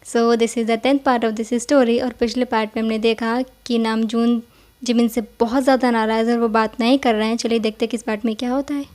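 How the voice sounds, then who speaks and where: A woman's voice: on the high side, little pitch movement, brisk, a little mellow. Chatty woman host with a friendly intro. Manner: chatty, upbeat. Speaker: channel host.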